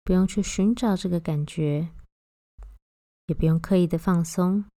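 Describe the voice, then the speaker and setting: A woman guiding a body-scan meditation, giving gentle, unhurried instructions with long pauses between phrases. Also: fairly low pitch, no echo, clean studio sound. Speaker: meditation guide.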